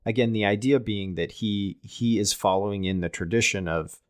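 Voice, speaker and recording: A man with a somewhat low voice talks through scripture in a relaxed podcast chat. He is thoughtful and unhurried in his reasoning, and he often restarts or repeats a word before finishing a thought. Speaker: podcast co-host. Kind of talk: casual scripture discussion.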